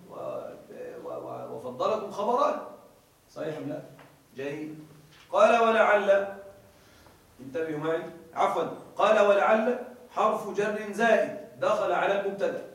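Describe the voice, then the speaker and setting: High-voiced male teacher in an echoey hall. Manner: checks often that listeners follow; reads a passage aloud, then explains it. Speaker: grammar teacher. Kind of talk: classroom lecture explaining a grammar text. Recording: very echoey room, voice from far off the mic.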